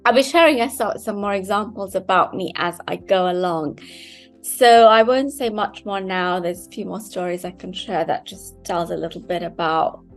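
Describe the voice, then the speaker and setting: A woman's voice: mid-range voice, normal speed, soft background music. A woman in her fifties from Kenya, a mindset coach giving an upbeat, chatty online seminar over a video call. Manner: upbeat, chatty, loose phrasing.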